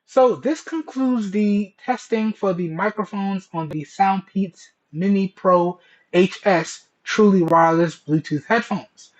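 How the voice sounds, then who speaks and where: A man's voice: sits high, unhurried. A man presenting a casual, colloquial product test to camera, often checking in with listeners, heard through Bluetooth earbud microphones. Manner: colloquial, repeatedly checks in with "okay" and "all right". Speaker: tech reviewer, video host. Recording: dull Bluetooth earbud headset mic.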